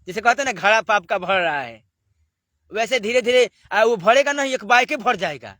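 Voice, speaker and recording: A man's voice: high-pitched, expressive, normal speed, pushed and bright, no room sound. A man giving a devotional sermon, exhorting listeners and firing off rhetorical questions. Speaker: spiritual preacher.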